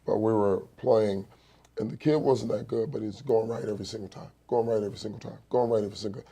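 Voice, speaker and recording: Gravelly husky man telling coaching stories. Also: fairly low pitch, steady tone, quick pace, mellow. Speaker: youth basketball coach. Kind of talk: casual chat.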